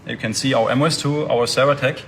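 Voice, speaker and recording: A man's voice: mid-range voice, fairly even intonation, fast talker, creaky, a bit bright. Man, company rep, explaining, hesitant, faint background noise. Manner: explanatory, hesitant with many ums. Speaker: oil company representative. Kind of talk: product explanation.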